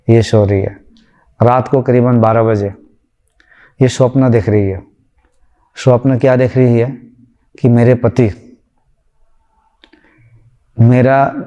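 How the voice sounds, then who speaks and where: A man's voice: mid-range voice, warm tone. A man, a spiritual teacher, giving a conversational storytelling talk and acting out the voices of the people in his story.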